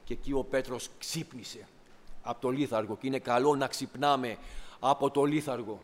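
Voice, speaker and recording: A man's voice: mid-range voice, fairly even intonation, long reverb tail. A man preaching a sermon to his brethren, retelling a story dramatically and rising to emphatic peaks.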